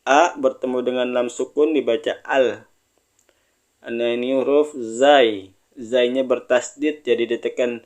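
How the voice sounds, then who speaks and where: A man's voice: medium pitch, steady tone, darkish tone. A man teaching Quran reading, stretching out each recited word before explaining it plainly, and inviting the listener to read along. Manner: drawn-out sung recitation of words, then plain explanation. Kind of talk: step-by-step recitation lesson.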